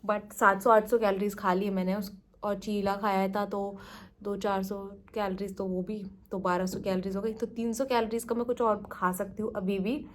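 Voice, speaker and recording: A young woman with an Indian accent, chatting quickly and casually as a vlogger. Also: mid-range voice, flat delivery. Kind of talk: casual vlog chat in Hindi-English mix.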